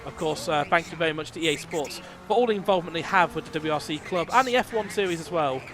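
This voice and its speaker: A man's voice: fairly high pitch, fast. Chatty man commentating a sim rally. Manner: chatty, joking, reads stage details. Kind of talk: live sim racing commentary.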